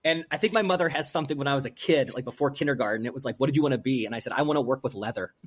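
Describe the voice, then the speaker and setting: A man from rural Pennsylvania, a brewery owner, telling a personal story in an interview in an earnest, halting way full of restarts. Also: medium pitch, breathy edge.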